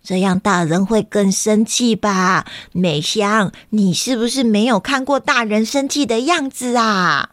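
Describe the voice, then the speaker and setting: A woman's voice: mid-range voice, a little slow, few pauses, no echo, studio quality, lightly acted. A woman voicing a stubborn, bickering little boy in a storybook reading. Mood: doubtful. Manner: insistent, arguing.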